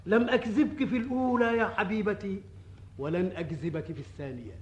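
A man playing an excitable, timid wanderer in an old radio drama, theatrical, with an Egyptian accent. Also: high voice, fast, slight background noise, close to an everyday voice. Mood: animated storytelling. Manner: theatrical storytelling. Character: excitable, timid male folk-tale wanderer telling his fortune.

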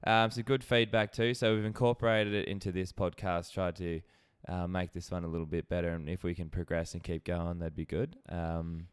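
A man's voice: deep voice, little pitch movement, normal speed, few pauses, clear, resonant tone. A man with an Australian accent co-hosting a casual podcast chat, blokey, slangy and jokey, with some swearing. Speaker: podcast co-host.

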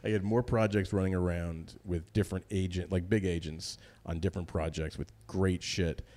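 A middle-aged man from New Jersey, a podcast guest in casual chat, loose and profane and quick to laugh. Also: low-pitched, fairly even intonation, warm tone.

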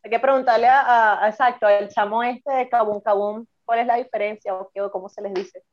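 A woman's voice: fairly high pitch, fairly even intonation, brisk, lo-fi sound. Chatty Venezuelan woman in her twenties. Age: 20s. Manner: chatty storyteller, swears freely. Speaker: podcast co-host. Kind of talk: casual chat.

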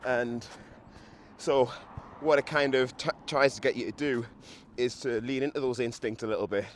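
Out walking along a street, a young podcaster chats casually to a handheld camera, hungover and still tipsy from a run, cursing bluntly and ribbing himself. His medium-pitched voice holds a steady tone at a moderate pace. Traffic noise runs through the recording.

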